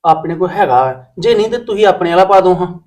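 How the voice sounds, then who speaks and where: An actor playing a reassuring young adult son with a Punjabi accent, speaking calmly. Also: male voice, high-pitched, fast talker. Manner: calm, reassuring.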